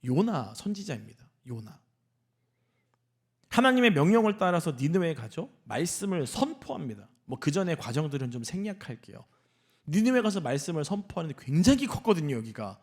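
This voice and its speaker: A male senior pastor preaching a sermon in a church, animated and often asking the congregation questions. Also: on the high side, brisk, breathy edge. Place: church sanctuary.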